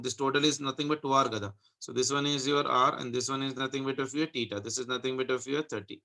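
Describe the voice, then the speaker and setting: A physics teacher, a man with a Telugu Indian accent, talks quickly in a mid-range voice. He works through a problem aloud in an interactive tutoring style, often tagging his points with short checking questions. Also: mid-range voice, pushed and bright. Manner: frequent checking questions and tag questions.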